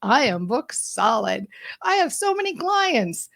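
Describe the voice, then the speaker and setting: A woman briefly putting on a mock robot voice, reciting stiff affirmations in a flat, mechanical way. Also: a little high, measured pace, vocal fry, full character voice. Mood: robotic. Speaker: coach.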